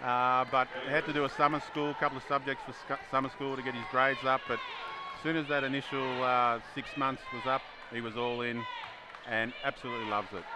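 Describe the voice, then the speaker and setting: A man's voice: medium pitch, flat delivery, fairly quick. A middle-aged man with an Australian accent, chatting casually as a guest in a live interview. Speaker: interview guest, player's father. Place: indoor basketball gym during a game. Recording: very loud gym crowd and bouncing balls.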